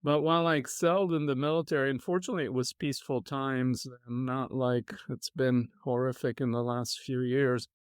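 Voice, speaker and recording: A middle-aged man, a podcast guest telling his life story in a reflective, measured way. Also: mid-range voice, steady tone, clear, resonant tone, no room sound, clean studio sound. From Israel. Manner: reflective, measured, with soft laughs. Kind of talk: conversational storytelling.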